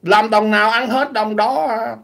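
Animated high-voiced man vlogging. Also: a little slow. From Vietnam. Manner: animated, opinionated, clears throat often. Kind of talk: casual monologue vlog.

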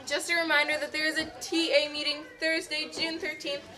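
A woman's voice: sits high, flat delivery, a little fast, pushed and bright. A young woman, a student announcer, reading scripted morning announcements over a school intercom. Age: teens to young adult, high school student. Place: indoor school office. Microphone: telephone handset of school PA, seen.

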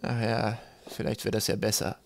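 Guy doing a grumpy scarred ship's mate, low sullen mutter, dry audiobook sound. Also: fairly quick, gravelly, dry recording. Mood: bitter. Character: bitter scarred male ship's mate, gloomy.

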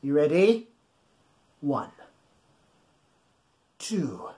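In a small furnished room at home, a man in his thirties gives young children a playful, exaggerated bedtime story reading, drawing them in to join. His voice is a little high and warm, very animated, with drawn-out words.

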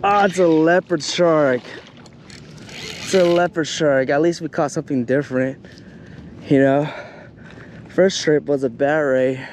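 A fishing vlogger in his thirties speaks from the shoreline in a rather high, slightly mellow voice with fairly even intonation, going a little slow and pausing often. His commentary is casual and full of fillers, captured on a hand-held or chest-mounted action camera with faint background noise outdoors.

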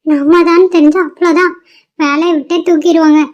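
A woman's voice: very high-pitched, steady tone, moderate pace, darkish tone. A woman voicing a timid, frightened young office worker in a cartoon, talking anxiously. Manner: anxious, fearful. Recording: dull lo-fi cartoon audio.

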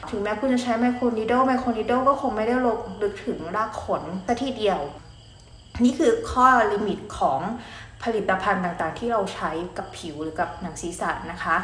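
A woman's voice: mid-range voice, fairly bright tone. A woman doctor hosting her channel, explaining skin and hair care in a chatty, polite way. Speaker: dermatologist host. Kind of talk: casual explainer talk. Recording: roomy echo, faint noise.

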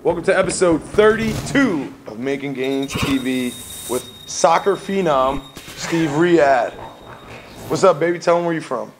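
A man's voice: a little high, lively intonation, a little slow, background noise. A man hosting a casual interview in an indoor gym studio, upbeat and full of slang. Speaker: host.

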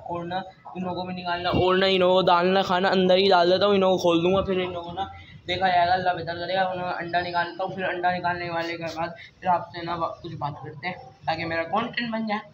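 Young male vlogger, rooftop phone recording, excitable and repetitive, high-pitched. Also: quick pace, lo-fi sound, slight background noise. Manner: excitable, repeats words, frequent religious exclamations. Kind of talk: casual vlog chat. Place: home rooftop, outdoors.

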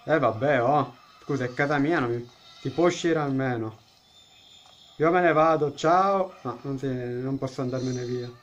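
Playing a horror game for his YouTube channel, a man cracks jokes, chats with the game characters and lets out startled exclamations. He speaks in a steady, mid-range voice at a moderate pace, over lo-fi sound with slight background noise.

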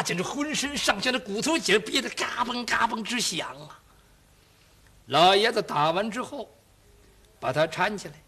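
Male traditional storyteller, high and husky, dramatic narration. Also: bright, forceful tone.

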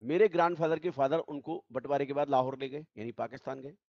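A man's voice: mid-range voice, quick pace, no echo, lo-fi sound. A male teacher giving an online tax class, explaining step by step and repeating the key points. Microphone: video call.

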